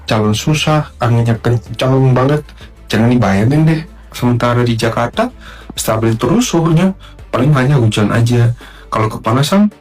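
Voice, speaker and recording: Man from the Netherlands, husky voice, colloquial, casual chat, faint music behind. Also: mid-range voice. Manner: colloquial, chatty.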